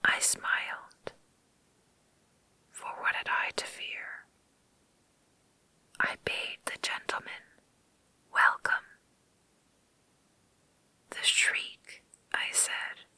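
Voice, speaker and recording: A woman reading a story in a creepy, breathy ASMR whisper, slow and deliberate, close to the microphone. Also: pushed and bright.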